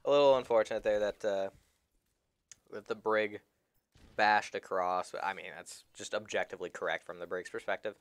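A young man with a fairly low voice casts a competitive video game match. He explains the mechanics patiently and in detail. He is chewing food between sentences. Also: fairly even intonation, moderate pace, no echo. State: talking while chewing food. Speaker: esports caster. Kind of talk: esports game commentary.

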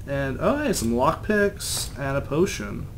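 A man's voice: medium pitch, sing-song, unhurried, slight background noise. Rambling young man narrating gameplay. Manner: chatty, rambling, self-deprecating. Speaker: let's play gamer. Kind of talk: casual gameplay commentary.

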